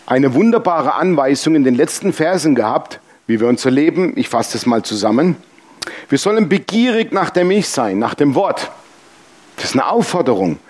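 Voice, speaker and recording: Lively storytelling male preacher. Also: fairly high pitch. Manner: lively storytelling, acts out dialogue. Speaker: pastor. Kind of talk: sermon with personal anecdotes.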